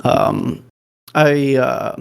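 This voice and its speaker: A man's voice: mid-range voice, extremely slow, creaky, clear, resonant tone. A man on a fan podcast panel, speaking reflectively and saying "like" a lot. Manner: reflective, heavy use of "like". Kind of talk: casual chat.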